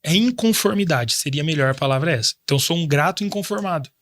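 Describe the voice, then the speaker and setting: A man's voice: fairly high pitch, lively intonation, fast talker, fairly bright tone, dry recording. A man in his thirties from Brazil, a guest in a casual interview, talking in a reflective, faith-driven way with frequent restarts. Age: 30s. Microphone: studio microphone.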